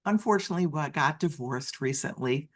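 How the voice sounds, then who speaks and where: An interpreter carries a deaf speaker's personal narrative in the first person, using an expressive voice of medium pitch. Their phrasing keeps breaking off, restarting and self-correcting.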